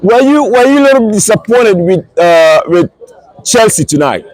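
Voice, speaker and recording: A high-pitched male interviewer questions football fans in a casual style. His delivery is halting, and he often starts a question again. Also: big pitch swings, a little mellow, no echo, poor audio.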